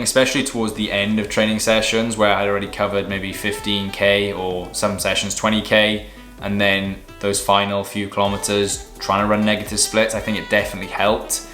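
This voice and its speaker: A young man, an amateur runner who vlogs, delivers a matter-of-fact, casual recap conversationally. His voice is on the low side, flat, pushed and bright at a moderate pace, with roomy echo and background music.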